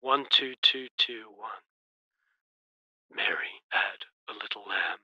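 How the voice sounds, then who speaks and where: A man's voice: fairly low pitch, takes it slowly, slightly rough, no room sound. A man playfully testing a microphone that makes his voice sound like a gritty old carbon telephone, amused by how it sounds. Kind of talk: casual microphone test. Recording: lo-fi vintage phone mic sound.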